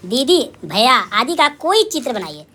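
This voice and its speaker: A woman teaching young children in a lively recorded lesson. She asks and answers her own questions, sounds out syllables slowly, and calls out cheerful praise. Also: sits high. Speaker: primary school teacher.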